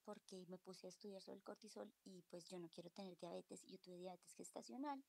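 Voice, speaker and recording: Woman, late 30s, confessional testimony over a video call, warm dark tone. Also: lowish voice, brisk, vocal fry, a little hiss or hum. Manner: emotional, confessional, often dropping to a whisper. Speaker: book club participant. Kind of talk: personal testimony in a group call.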